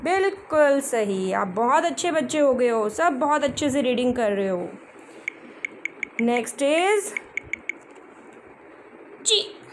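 A woman teaching young children, reading words slowly syllable by syllable and mixing in words. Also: sits high, big pitch swings, background noise. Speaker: primary school teacher. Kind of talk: slow classroom lesson.

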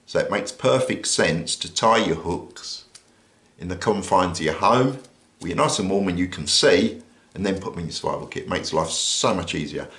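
With a deep voice, a laid-back older Englishman explains each piece of a survival kit in turn, stopping frequently for an "uh." The sound is roomy. He sits at a table indoors for this informal demonstration, and only his hands appear, shot from above.

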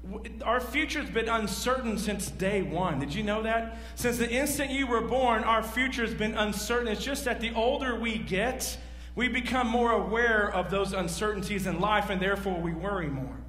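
Animated pastor preaching in an echoey church. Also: male voice, sits high, moderate pace, soft background music. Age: 40s. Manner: animated, pacing the stage and gesturing; rhetorical questions to the congregation. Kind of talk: sermon. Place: large church stage. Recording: echoey hall, faint hum.

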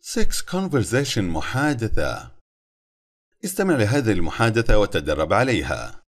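A man teaching English in a recorded lesson, reading English phrases slowly and then explaining them quickly in Arabic. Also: fairly low pitch, big pitch swings.

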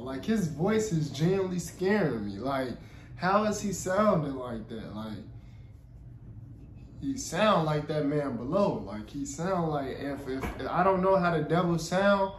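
A man's voice: a little high, animated, unhurried, reverberant, slight background noise, poor audio. A man hosting a reaction video, chatting emphatically to viewers. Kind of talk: casual reaction commentary.

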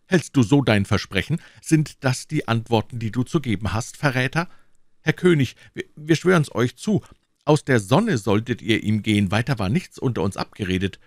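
A man reading aloud and voicing a crowd of foolish townsmen shouting indignantly. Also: mid-range voice, animated, moderate pace, hardly any pauses, no echo, clean studio sound, pitched above the performer's own voice, natural voice.

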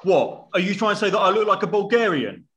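A man voicing a touchy young woman at a party, in a raised, high put-on voice. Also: sing-song, fairly quick, background noise. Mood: indignant.

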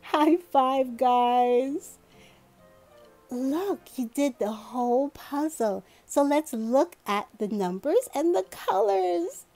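A woman hosting a children's learning video, her voice high and bouncing all over the place. She speaks very slowly and drags out every word, gushing in a sing-song way for little ones. Faint kids' music plays behind her. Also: animated, creaky, dark tone. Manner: slow, exaggerated, sing-song and gushing, like talking to toddlers. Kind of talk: toddler learning lesson with a puppet.

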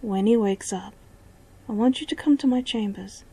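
A smug, scheming male villain speaks quietly and half whispered, as a woman acts him out. The tone is dark and breathy. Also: medium pitch, moderate pace. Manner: soft, partly whispered.

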